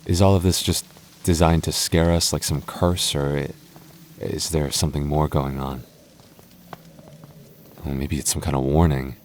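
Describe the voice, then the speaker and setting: A man takes the part of a young boyfriend in intimate roleplay audio, his low, gentle voice stammering with nerves but full of open affection. His tone stays level and unhurried, broken by long pauses, and the mood is pensive over a slight background hiss or hum.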